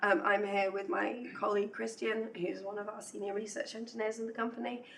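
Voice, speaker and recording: A woman's voice: mid-range voice, level tone, a little fast, creaky, a bit bright, recorded from a distance, poor audio. A woman gives a technical talk in a lecture room, her voice fraying as she loses it. She is chatty and self-deprecating, filling gaps with ums. She sits a little back from the mic, with a faint hum in the room. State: losing her voice. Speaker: conference speaker.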